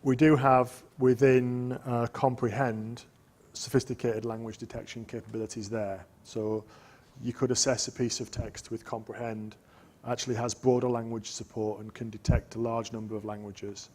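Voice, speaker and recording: A man's voice: medium pitch, flat delivery, normal speed, a little mellow. A man answering audience questions as a conference presenter, direct and confident in his explanations. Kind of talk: technical Q&A answers.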